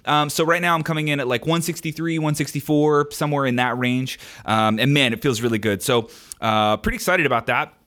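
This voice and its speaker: Here a young adult podcast host moves briskly through listener questions in a mid-range, slightly bright voice. His replies are frank and wandering, peppered with ums and false starts, picked up by a podcast microphone.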